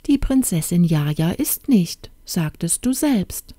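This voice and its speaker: A wistful young princess from a storybook, fragile and trembling, pitched a touch higher, as a woman reads her. The tone stays mellow and dark, close and dry. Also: lively intonation, slow pace, no room sound. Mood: sad. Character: sad young princess, wistful then joyful. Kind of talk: storybook reading.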